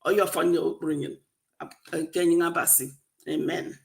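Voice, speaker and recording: Co-hosting a casual online discussion show, a Nigerian woman who speaks Efik natively talks with a Nigerian accent. She has a low, gravelly voice with fairly even intonation and a moderate pace.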